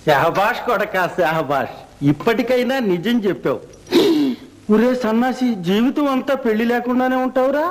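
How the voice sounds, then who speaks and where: Brief: high-pitched cheeky bachelor, hamming up stage-drama shouts. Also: male voice, normal speed. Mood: mocking. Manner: mock-theatrical, bursting into stagey old-style verse. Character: cheeky lazy bachelor mocking his aunt. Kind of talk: film comedy scene.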